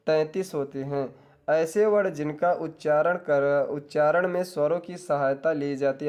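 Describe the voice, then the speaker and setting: A man's voice: fairly high pitch, darkish tone, clean tone. A man teaching an exam-prep grammar lesson, asking questions and answering them himself, and telling viewers to take notes.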